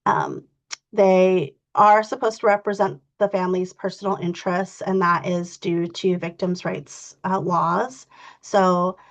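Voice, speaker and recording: A woman's voice: on the low side, steady tone, unhurried. A woman teaching an online training session in an informal, explaining way, her voice stuffy and congested, heard over a video call. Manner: informal, explanatory, frequent "you know" fillers. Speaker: victim advocacy trainer. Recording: dull lo-fi video call audio.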